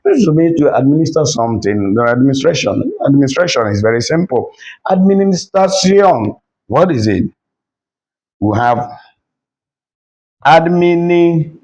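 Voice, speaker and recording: A man teaching a language lesson at a board, repeating each word slowly to drill it. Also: medium pitch, lively intonation, a little mellow, low-quality recording.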